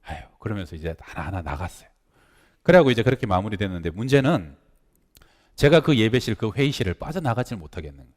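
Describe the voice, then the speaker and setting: Man, pastor, lively sermon, swings loud to hushed, long church reverb. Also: lowish voice, quick pace. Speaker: senior pastor. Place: church sanctuary.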